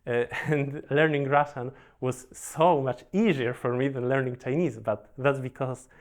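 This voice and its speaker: The relaxed storytelling comes from a young man from Poland who plays Go professionally. His medium-pitched, Polish-accented speech is halting, full of fillers, repetitions and fresh starts.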